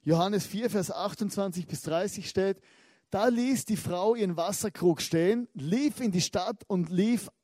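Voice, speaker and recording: A man preaching a sermon in a conversational, lively way, often asking the listeners direct questions. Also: sits high, a little slow, dry recording, clean studio sound.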